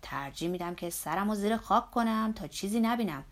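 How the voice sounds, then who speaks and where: A woman voicing a blunt, earthy older male laborer in an audiobook, speaking low and loud with a scolding manner. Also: expressive, close to an everyday voice. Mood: exasperated. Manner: lower pitched, loud and scolding. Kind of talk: audiobook character voice.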